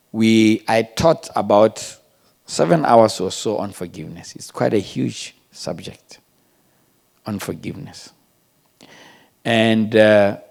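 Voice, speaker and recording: Gravelly-voiced pastor from preaching. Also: male voice, lowish voice. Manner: emphatic, swings between loud stresses and hushed asides. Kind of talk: sermon.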